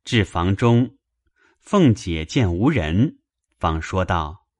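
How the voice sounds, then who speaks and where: A man reads a classic novel aloud with a low, deep voice and a slow, unhurried pace. His pitch moves expressively across the lines, recorded dry and close. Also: big pitch swings, a little mellow, dry recording. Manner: measured storytelling, also voicing male characters. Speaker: narrator. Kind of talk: dramatized novel reading.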